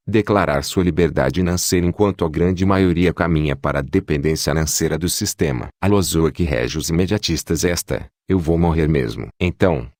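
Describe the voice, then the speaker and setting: A man with a very low, deep voice reads audiobook narration in a steady, assertive manner. He sounds close to the microphone. The recording is dry, with no room echo. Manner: steady, assertive motivational delivery.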